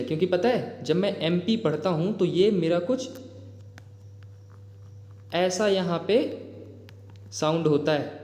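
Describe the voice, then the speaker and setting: A man with an Indian accent teaching a grammar lesson in a chatty way, often checking in with his viewers and reading example sentences slowly. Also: sits high, a little mellow. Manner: addresses viewers as "bhai", frequent "theek hai?" check-ins; reads English example sentences slowly and deliberately. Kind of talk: explanatory exam-prep lesson. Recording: echoey room with long reverb.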